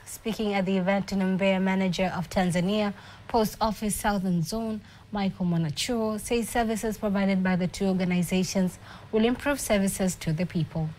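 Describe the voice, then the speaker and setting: Woman news anchor reading scripted bulletin, average pitch. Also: steady tone, normal speed, darkish tone, slight background noise, poor audio.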